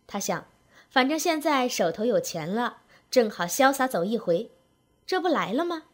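A woman with a fairly high voice performs a comic story aloud. Her narration is wry and lively, and she leans into rhythmic, patterned phrases. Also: normal speed.

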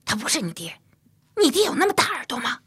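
A woman voicing a quick-tempered young widowed mother in a storybook, scolding in a shrill, lively voice. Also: full character voice. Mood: scornful. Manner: scolding, shrill when angry.

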